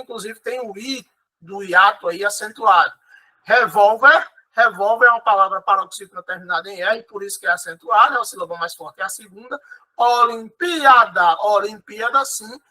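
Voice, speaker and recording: A Brazilian man with a high, bright, forceful voice teaches an online exam-prep lesson over poor-quality audio. He explains patiently, repeats key words, and keeps checking in with his students.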